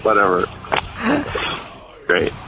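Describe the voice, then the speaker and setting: A man's voice: slow pace, over music, low-quality recording. A man, a touring band member, chatting loosely in an interview with lots of fillers. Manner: laid-back, loose, full of fillers and restarts. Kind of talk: casual interview chat.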